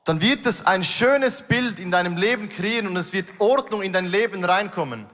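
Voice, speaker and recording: High-voiced man preaching in an echoey hall. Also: animated, moderate pace, a bit bright, a little hiss or hum. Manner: earnest, emphatic, addresses the audience directly. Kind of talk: sermon with live illustration. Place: church stage before a congregation.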